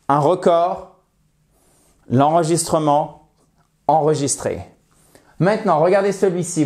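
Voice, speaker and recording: A man's voice: a little high, darkish tone. A man teaching an English grammar lesson, patiently repeating words to model their pronunciation.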